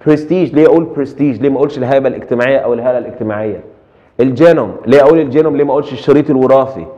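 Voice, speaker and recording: A middle-aged Egyptian man lectures at a quick clip, his voice sitting at an ordinary pitch. He keeps posing rhetorical questions to the class and slips English terms in between his Arabic explanations. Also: highs cut off. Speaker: university translation lecturer. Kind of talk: recorded lecture.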